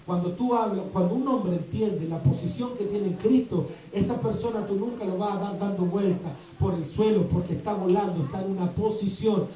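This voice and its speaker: A man's voice: high-pitched, normal speed, hardly any pauses, warm tone. A man preaching a sermon as pastor, fervent and questioning his congregation. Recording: echoey hall, voice from far off.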